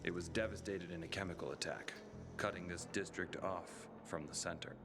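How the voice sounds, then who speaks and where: A low-voiced man speaks briskly with fairly even intonation and a reserved mood, voicing a discreet guild messenger, the guild carrier, who talks formally and precisely. It is a game cutscene with a music bed underneath.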